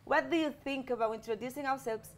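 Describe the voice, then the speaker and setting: Her voice sits high as this Dominican English teacher in her thirties gives a televised lesson for schoolchildren. She speaks with a Dominican Spanish accent and works slowly and clearly in both languages, modelling sentences and words for the children to repeat.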